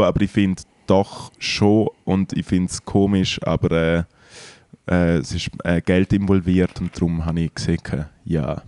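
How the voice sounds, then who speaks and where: A man's voice: low voice, darkish tone, dry recording. A young Swiss German man, a musician and podcast co-host, talking in a laid-back, hesitant way with dry humor. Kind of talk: casual banter.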